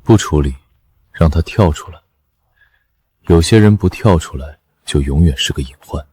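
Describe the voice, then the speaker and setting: An actor playing a cool, confident male executive who talks calmly and tersely. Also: very deep voice, normal speed, husky, dry recording. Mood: assured.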